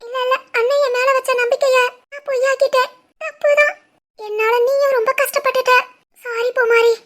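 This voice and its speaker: A woman voicing a tearful, guilt-ridden young woman who is crying in an animated family story. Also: very high voice, moderate pace. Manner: soft, tearful.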